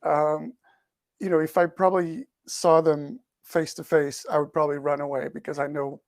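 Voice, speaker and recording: Thoughtful and prone to repeating words as he thinks, a Portugal-raised man with English as his second language fields podcast interview questions as an author and researcher. He has a fairly high voice, a flat delivery, and a normal speaking speed. No room sound is audible.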